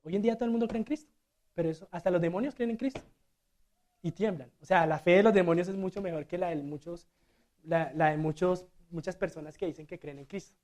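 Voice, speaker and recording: A man preaching a sermon as a deacon in a church. He swings between loud and hushed delivery and acts out the quotes. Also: high-pitched, fast talker.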